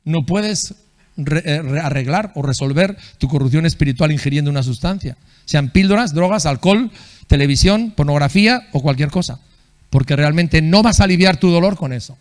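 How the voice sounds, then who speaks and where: A man's voice: fairly high pitch, animated, normal speed. A man preaching a sermon as pastor in a church, in a conversational way, often checking with the congregation and acting out quoted people in a raised voice.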